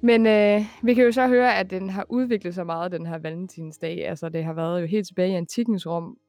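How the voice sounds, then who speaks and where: A woman's voice: on the low side, fairly even intonation, a little mellow, no echo, soft background music. Young woman hosting a chatty podcast, laughs a lot, swears casually, dry close mic. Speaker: podcast host. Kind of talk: casual chat.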